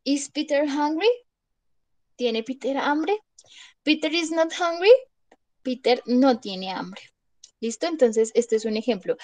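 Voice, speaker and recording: A woman's voice: on the high side, a little mellow, dry recording. A woman teaching an English class, explaining with many examples and checking in with her students. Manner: chatty, explains with examples, asks "¿listo?". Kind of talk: classroom lesson.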